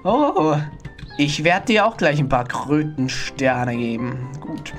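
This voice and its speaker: A young man commentating a video game, sarcastic and quick to mock the characters on screen. His pitch swings around a lot as he talks. Game music plays clearly behind him. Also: expressive. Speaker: gaming YouTuber. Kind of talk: sarcastic let's-play commentary.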